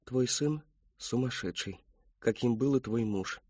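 A man voicing a hushed, cold, insistent voice inside a mother's head, in a slightly muffled audiobook. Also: mid-range voice, measured pace, breathy edge, no echo.

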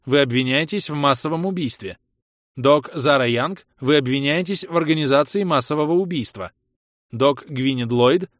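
A man voicing a cold, emotionless computer that governs a colony, speaking in flat commanding tones. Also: a little high, no echo, clean studio sound, voice pushed up, natural voice.

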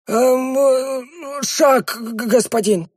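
Brief: shrill, husky-edged sly servant for a storybook, fawning, always excusing himself, lots of "sir". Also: male voice, moderate pace, dark tone, dry recording, studio quality. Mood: stammering. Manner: wheedling, excuse-making, stammers when scared. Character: sly fawning red-haired male servant, wheedling.

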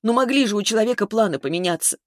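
A man reading an audiobook, voicing a tearful young woman who wails and sobs in a high voice. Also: animated, rapid-fire, dry recording, clean studio sound, close to an everyday voice. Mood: anxious. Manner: high, wailing and breathless. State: sobbing. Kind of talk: audiobook character voice.

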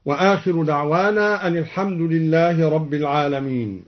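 A man explaining Quran recitation variants in a measured radio lesson, chanting each verse example, from an archival radio recording. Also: fairly high pitch, highs cut off. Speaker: Quran recitation teacher introducing the program.

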